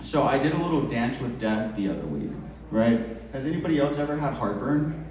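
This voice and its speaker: A man's voice: medium pitch, animated, brisk, a little mellow. Echoey male stand-up comic, rambling and giggly. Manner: loose, informal, sweary, punctuated with giggly laughter. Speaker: stand-up comedian. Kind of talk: rambling stand-up comedy with crowd work. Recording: very echoey club, distant mic, audience noise.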